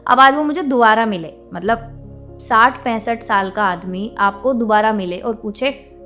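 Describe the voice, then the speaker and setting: Blunt girl venting on her vlog, kinda high voice, soft music behind. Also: unhurried. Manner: indignant, blunt and outspoken. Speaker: vlogger. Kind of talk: venting monologue to camera.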